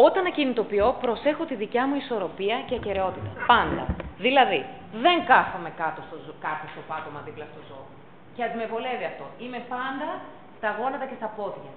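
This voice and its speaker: A woman's voice: medium pitch, phone-quality sound, a little hiss or hum. A woman teaching pet first aid at a public talk, stressing and repeating her key points. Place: council chamber.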